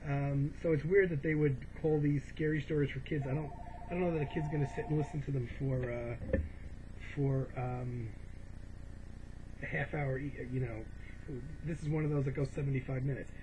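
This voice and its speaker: Meandering through a show-and-tell of his collection, this vlogger speaks at a moderate pace in a mid-range voice with fairly even intonation. He's casual and hesitant, often correcting himself, and the dull lo-fi home recording has clear background noise.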